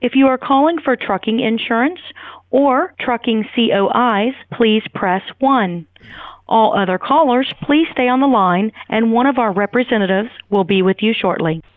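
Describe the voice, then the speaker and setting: A woman's voice: fairly high pitch, normal speed. A woman reading a scripted automated phone menu greeting over a telephone line. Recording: muffled, echoey telephone line.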